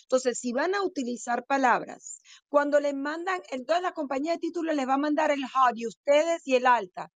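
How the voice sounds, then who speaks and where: A woman in an instructive panel talk, with a slightly high voice and a firm, emphatic delivery. She often turns to the audience with direct questions. The recording is dry, with very little room sound. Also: brisk, no room sound. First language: Spanish. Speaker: real estate seminar expert.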